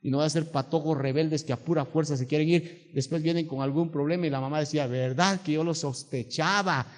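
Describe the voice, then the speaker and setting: Guatemalan pastor preaching with hall reverb. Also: male voice, fairly high pitch, flat delivery, fast talker, mellow. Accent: Guatemalan Spanish. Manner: storytelling preacher acting out quoted voices. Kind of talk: sermon. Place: church sanctuary.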